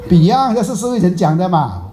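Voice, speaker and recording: A man's voice: high voice, very animated, a little fast, warm tone. A man teaching a Buddhist class in a chatty, teasing way, quizzing his listeners. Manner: chatty, teasing, asks the audience questions. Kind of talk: Dharma talk to a class.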